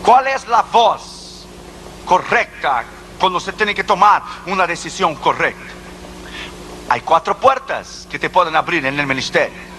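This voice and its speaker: High, bright-voiced male preacher. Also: expressive, measured pace, a little hiss or hum. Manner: emphatic preaching with rhetorical questions. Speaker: evangelist preacher. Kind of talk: sermon.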